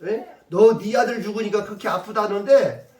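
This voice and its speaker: A man's voice: high voice, normal speed, mellow, close to an everyday voice. A man voicing God speaking with sorrow and emphasis to a grieving father, heard from a distance in an echoing church. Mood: sorrowful.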